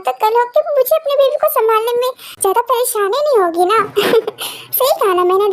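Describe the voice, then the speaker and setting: A woman voicing a chatty, teasing amateur fan dub dialogue. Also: extremely high pitch. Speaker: fan dubber voicing several characters. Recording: voice over loud background music. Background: music.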